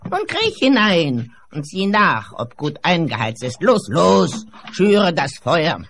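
A wicked old witch in a radio play, cackling and sneering as she bosses children around. Her voice leaps wildly up and down and drags along slowly. She gloats over the fate she plans for them. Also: medium pitch, wildly swooping pitch, creaky, fairly bright tone, exaggerated voice. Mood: bossy. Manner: cackling, sneering, barking orders.

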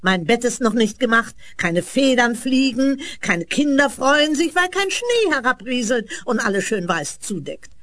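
A woman's voice: on the high side, sing-song, measured pace, hardly any pauses, fairly bright tone, no echo. A woman playing a stern but fair old woman of the fairy tale in a children's radio play. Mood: scolding.

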